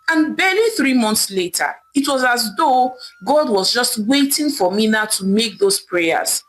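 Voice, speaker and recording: A woman tells a scripted folktale with expressive, dramatic flair, leaning on emphatic pauses. Her voice is a little high, and the recording is rough.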